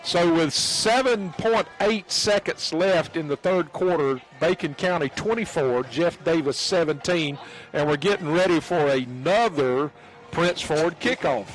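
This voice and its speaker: A man with a Southern US accent calling high school football on the radio in a folksy, excitable way. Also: a little slow, few pauses, low-quality recording. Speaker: radio play-by-play announcer. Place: press box at a football stadium.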